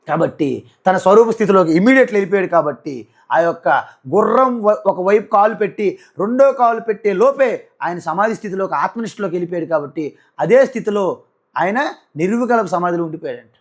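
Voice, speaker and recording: A man, a swami, giving a Vedanta discourse in a storytelling way with rhetorical questions and speech. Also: high voice. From South India. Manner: slow drawn-out chanting of verses. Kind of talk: spiritual discourse with chanted Sanskrit verses.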